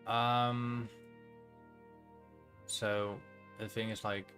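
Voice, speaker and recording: A Dutch-accented man talks slowly and a little low while he plays, drifting between thoughts and correcting himself mid-sentence. Faint game music sits behind his voice. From Netherlands. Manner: relaxed, rambling, self-correcting. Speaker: streamer. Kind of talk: casual game stream chat.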